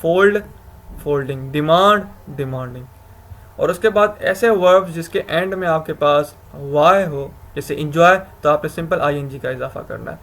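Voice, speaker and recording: A man's voice: on the high side, normal speed, a bit bright. A man giving a recorded grammar lecture, explaining step by step, often asking himself questions and correcting himself. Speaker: English grammar teacher.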